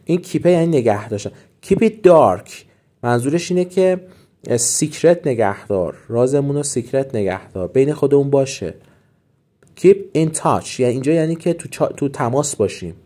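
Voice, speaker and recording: A man teaches English in a casual lesson, his voice mellow and pitched in an ordinary middle range. He says each English phrase slowly, then explains it quickly in a relaxed, chatty way. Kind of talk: casual spoken language lesson.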